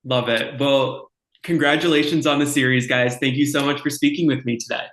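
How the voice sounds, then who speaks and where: A man's voice: mid-range voice, steady tone, brisk, a bit bright. A man interviewer poses upbeat, friendly questions in a middling voice. The room gives his speech a noticeable echo. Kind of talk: entertainment interview. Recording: echoey room.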